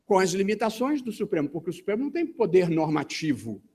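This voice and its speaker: A man with a Brazilian Portuguese accent addresses a seminar in a formal, deliberate speech. His voice sits somewhat high for a man. He often pauses to search for words. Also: sing-song, a little mellow, a little hiss or hum. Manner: measured, deliberate, with frequent hesitation fillers. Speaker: speaker at a legal seminar. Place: conference hall in Brazil.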